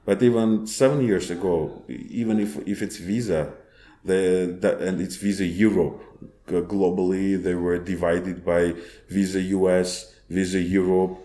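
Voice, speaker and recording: A man from Armenia, a startup founder speaking as a podcast guest in halting English full of restarts. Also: deep voice, fairly even intonation, mellow, echoey room. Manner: halting non-native phrasing with many restarts. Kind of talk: podcast interview.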